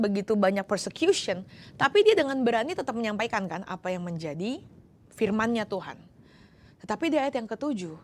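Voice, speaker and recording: A woman pastor preaching a sermon in an expressive style, acting out the voices in the story and slipping English words into her speech. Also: on the high side. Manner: acts out voices of the prophet and others. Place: church.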